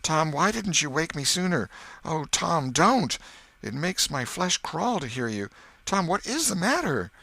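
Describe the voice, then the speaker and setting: A man's voice: a little high, big pitch swings, a little slow, gravelly, pushed and bright, no echo, voice pushed up, heavily acted. A man voicing an anxious, easily frightened young boy with an urgent, fretful manner in an audiobook.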